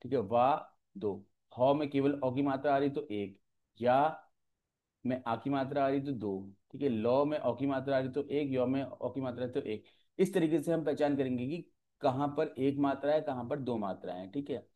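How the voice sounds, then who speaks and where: A man teaching an exam-prep lecture, explaining step by step and often pausing to check that students follow. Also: medium pitch, narrow, tinny audio.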